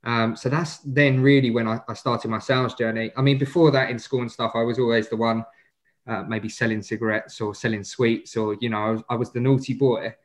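Speaking fairly quickly with fairly even intonation, a mid-range-voiced man in his twenties answers interview questions casually on a podcast. He is a wealth manager from Essex, England, has an Essex accent, and often hesitates and rephrases as he goes.

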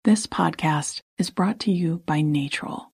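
A woman's voice: deep voice, unhurried, a little mellow, husky, no room sound, studio quality. A woman announcer reading a scripted advertisement. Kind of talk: scripted ad read.

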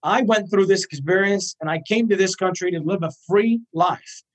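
Male guest, 30s, from Iraq; earnest, emphatic, slightly higher-pitched delivery. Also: moderate pace. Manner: earnest, emphatic, repeats points in lists. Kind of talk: impassioned interview answers.

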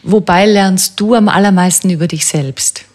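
A woman's voice: medium pitch, normal speed, darkish tone. A woman hosting a podcast, interviewing her guest with short, probing questions. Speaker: podcast host.

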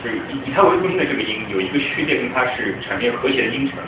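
A man's voice: mid-range voice, animated, very fast, noisy background. A man hosting a discussion, eagerly asking questions and thinking aloud about music. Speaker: host. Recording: far from mic in very echoey room, dull lo-fi, music behind.

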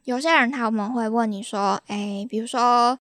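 A woman's voice: fairly high pitch, steady tone, moderate pace, fairly bright tone, no echo, studio quality. A young woman from Taiwan with a Taiwanese Mandarin accent, hosting a podcast in a chatty, exasperated storytelling way. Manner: chatty, exasperated, laughs at her own stories. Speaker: podcast host.

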